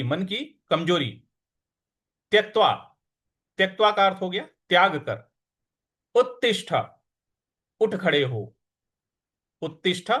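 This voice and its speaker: High-voiced man teaching careful recitation. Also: fairly bright tone. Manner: slow, syllable-by-syllable demonstrations with brisker explanations between; chants verses in a melodic intoned way. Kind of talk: recitation lesson.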